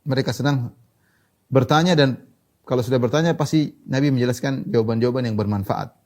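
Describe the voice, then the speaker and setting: Fast-talking male preacher, mellow voice. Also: mid-range voice. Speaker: Islamic preacher. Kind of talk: hadith lecture.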